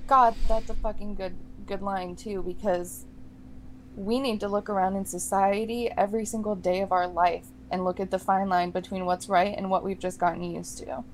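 Young adult woman, podcast co-host; emphatic, emotional, frequent swearing, average pitch. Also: steady tone, moderate pace, a little hiss or hum, low-quality recording. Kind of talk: casual podcast chat.

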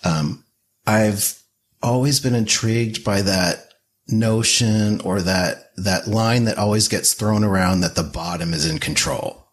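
Male podcast host, low-pitched voice, thoughtful and a bit hesitant, conversational. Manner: thoughtful, hesitant, lays out questions slowly. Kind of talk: conversational interview.

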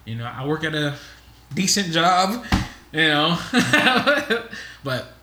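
A man's voice: a little high, sing-song, slow. A man in his mid-twenties, co-hosting a casual podcast chat, laid-back and easy to laugh. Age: 20s. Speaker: podcast co-host. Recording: echoey room, faint noise.

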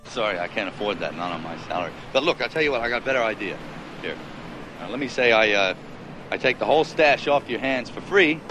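A man's voice: on the low side, expressive, fast, over music, lightly acted. An actor with an Australian accent playing a brash, sardonic male cop who taunts and threatens drug dealers. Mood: taunting. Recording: film clip with outdoor traffic noise. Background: street and vehicle noise.

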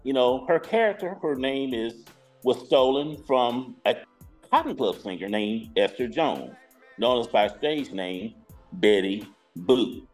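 Co-host, man, lively pitch, animated rambling storyteller. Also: unhurried, soft background music, low-quality recording. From Huntsville, Alabama. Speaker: regular co-host. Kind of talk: casual podcast chat.

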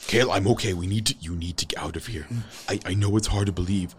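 A man voicing an older male martial arts master, speaking low, hushed and earnest in a tabletop game. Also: fast, breathy edge. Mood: pleading.

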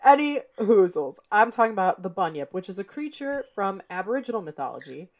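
A woman's voice: medium pitch, very animated, brisk, a little mellow. A young woman co-hosting a podcast in casual chat, chatty and laughing often, swearing casually. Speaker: podcast co-host.

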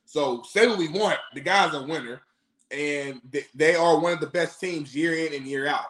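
A man's voice: on the high side, moderate pace, a bit bright. A man co-hosting casual sports talk, making emphatic points with rhetorical questions in an echoing, roomy recording. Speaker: sports talk show co-host.

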